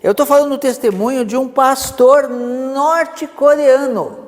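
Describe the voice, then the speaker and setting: A Brazilian man preaching a sermon, telling a story with lively asides. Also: very high voice, fairly quick, big-room sound. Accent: Brazilian Portuguese. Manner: animated storytelling with many asides.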